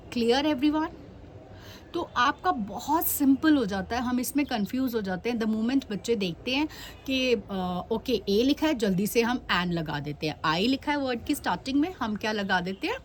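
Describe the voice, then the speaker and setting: A woman's voice: fairly high pitch, slight background noise. A woman teaching English grammar to children, asking questions and answering them herself, mixing English phrases into her Hindi.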